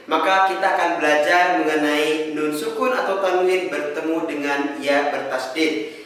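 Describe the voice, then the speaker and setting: A high-pitched man with an Indonesian accent gives a reading lesson in a very echoey room. He over-enunciates like a careful teacher, stretching out syllables for demonstration, and sits some way from the microphone. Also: fairly bright tone, far from the mic. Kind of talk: instructional lesson with chanted examples.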